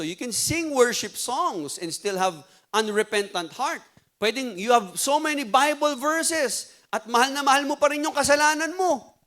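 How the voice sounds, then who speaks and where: A man with a Filipino accent preaching a sermon as pastor, mixing Tagalog and English in an animated, conversational way. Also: very high voice.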